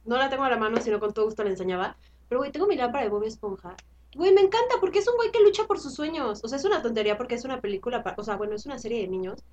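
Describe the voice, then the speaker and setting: A woman's voice: on the high side, big pitch swings, racing, hardly any pauses, darkish tone, highs cut off. A woman in her twenties with a Mexican accent, co-hosting a podcast in an enthusiastic, slangy and frank way. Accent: Mexican Spanish. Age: 20s. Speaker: podcast co-host. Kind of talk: casual chat.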